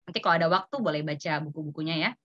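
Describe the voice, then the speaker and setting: In an online video meeting, a woman presents at an informal seminar, explaining things conversationally, acting out example remarks, and checking in with "ya." Her low voice is rapid-fire and a bit bright, with no room sound and the highs cut off.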